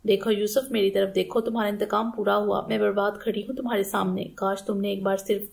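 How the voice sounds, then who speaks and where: A woman with a creaky, mid-range voice and flat delivery reads the lines of a wronged young wife in an audiobook novel. She sounds anguished, accusing and pleading through reproachful questions.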